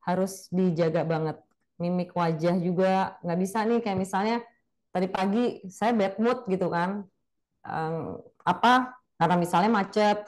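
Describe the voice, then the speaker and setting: A woman speaking casually in a webinar on public speaking, chatty and lively, demonstrating different intonations, over a video call mic. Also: mid-range voice. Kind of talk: casual spoken lecture.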